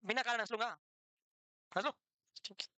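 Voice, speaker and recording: A woman's voice: on the high side, moderate pace, pushed and bright, slight background noise, rough recording. A woman teaching a classroom lecture for nursing exam prep. She quizzes students, answers her own questions and scolds them with teasing banter.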